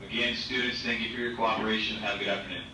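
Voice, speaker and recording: Man on the school intercom, low and echoing, distant with hiss behind him, measured announcement delivery. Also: fairly even intonation. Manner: measured, repeats key instructions. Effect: school intercom loudspeaker. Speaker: school administrator making announcements. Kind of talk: public address announcement. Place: heard in a classroom through a wall loudspeaker. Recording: booming echo from a ceiling speaker, noisy classroom.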